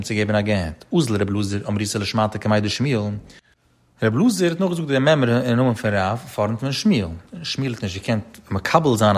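A man giving a Talmud study lecture in a rapid, chanting delivery with frequent rises and falls. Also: lowish voice. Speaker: Talmud teacher.

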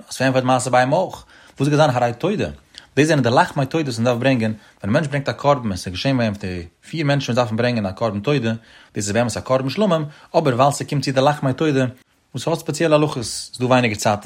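A man's voice: mid-range voice, husky. A man giving a Talmud study lesson, talking through it in a rising and falling sing-song study chant. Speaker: Talmud teacher.

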